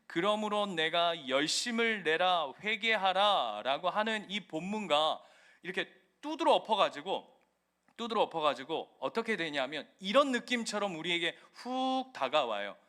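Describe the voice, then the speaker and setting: Man, pastor, sermon, church, high voice, animated, acts out scenes.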